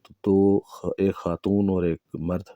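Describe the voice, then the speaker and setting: A man's voice: low voice, little pitch movement, warm tone, no room sound, highs cut off. A man telling a first-person true horror story in a conversational way, with fillers and asides.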